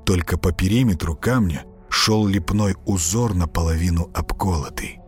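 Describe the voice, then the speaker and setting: A man's voice: low voice, moderate pace, darkish tone, soft background music. Man narrating a story in first person. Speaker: audiobook narrator.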